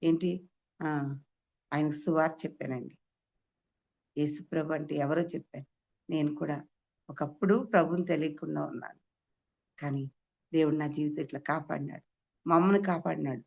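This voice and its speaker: A woman preaching an Easter sermon to a women's meeting, giving testimony with emphatic rhetorical questions and sudden high exclamations. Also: gravelly, a little mellow. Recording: dull lo-fi recording.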